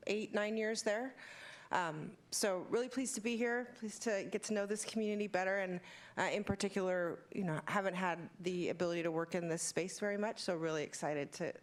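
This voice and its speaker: A woman, a city official, giving an informal self-introduction at a meeting. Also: mid-range voice. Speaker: deputy city manager.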